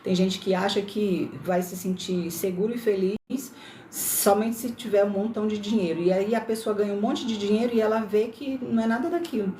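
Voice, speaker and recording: A woman's voice: medium pitch, fairly even intonation, fairly quick, dark tone, a little hiss or hum. A woman from Brasília with a lightly mixed Brazilian accent, hosting a casual livestream talk with many tag questions and self-corrections. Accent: Brasília Brazilian Portuguese, slightly mixed. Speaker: livestream host. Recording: roomy echo.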